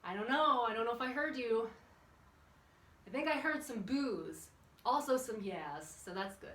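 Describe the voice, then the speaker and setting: Her voice is on the high side, expressive and fairly bright, at a normal speed, as she coaches kids through exercises, chatty and encouraging, quizzing viewers along the way. The camera sits at a distance in an indoor room with open windows, giving echo and background noise.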